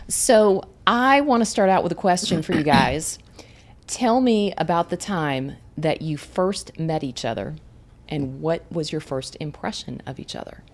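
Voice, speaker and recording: Her voice is low and expressive, and she takes her time. As host of a community podcast, she reads guests' bios to introduce them and then asks them friendly interview questions.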